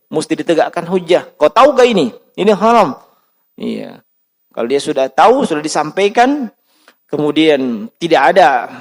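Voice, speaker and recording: A man from giving a conversational Quran study lecture, asking his listeners questions and answering them himself. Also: high-pitched. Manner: lively, asks the audience questions and answers himself. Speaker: Islamic teacher giving a Quran study talk. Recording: roomy hall with long reverb.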